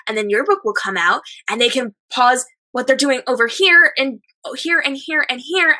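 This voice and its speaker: A slightly hoarse woman hosting a chatty advice show, speaking emphatically and repeating phrases in lists. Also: fairly high pitch, bright, forceful tone. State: slightly hoarse, losing her voice. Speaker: host of an advice show for authors. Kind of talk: chatty advice monologue to viewers.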